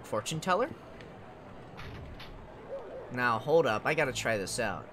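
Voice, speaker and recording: A man's voice: mid-range voice, animated, unhurried, a bit bright. A man giving casual playthrough commentary, thinking aloud informally as he goes. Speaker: gamer. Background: game music.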